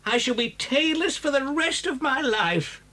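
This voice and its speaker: A man's voice: extremely high pitch, animated, unhurried, bright, forceful tone, heavily acted. An actor playing an anxious, self-pitying father fox in a children's audio drama, fretful and melodramatic. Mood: mournful, fretful.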